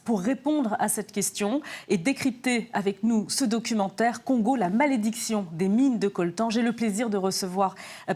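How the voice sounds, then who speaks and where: Woman interviewer in a studio, measured, lots of little hesitations. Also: medium pitch, a little mellow. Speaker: interviewer host.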